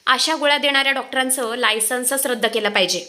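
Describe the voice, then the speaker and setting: A doctor delivering alarming news in a grave, urgent manner, voiced by a woman reading a story. The voice is somewhat high. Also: fast talker, pushed and bright.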